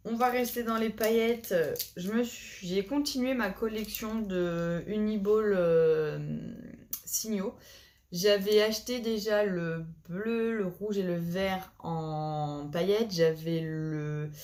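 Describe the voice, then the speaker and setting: A woman's voice: mid-range voice, darkish tone, slight background noise. A woman vlogger chatting casually about her new coloring supplies, hesitant and full of fillers and restarts. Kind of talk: casual chat to camera.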